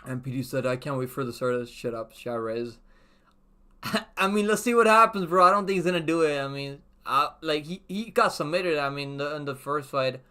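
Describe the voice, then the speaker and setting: A man's voice: medium pitch, fairly quick, hardly any pauses, sharp tone, smooth. A man hosting a casual sports livestream, talking in gym-bro slang with constant "bro" and easy swearing. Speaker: livestream host. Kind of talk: casual livestream chat and fight preview.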